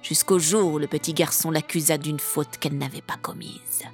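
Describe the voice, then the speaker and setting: A woman reading aloud voices a vengeful older witch in a storybook, speaking in a menacing, hushed growl. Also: low voice, steady tone, moderate pace, faint music behind, close to an everyday voice. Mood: storytelling.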